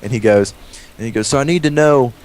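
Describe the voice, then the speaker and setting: A young man with a medium-pitched voice talks at a quick pace, with a little hiss or hum in the audio. Over gameplay he tells a rambling, profane story, animatedly acting out quoted lines.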